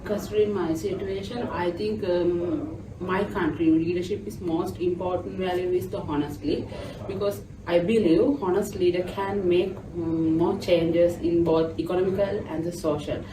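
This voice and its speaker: A young woman, speaking on a student panel in careful, halting phrases. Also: on the low side, steady tone. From Sri Lanka. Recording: echoey auditorium, distant mic, noisy.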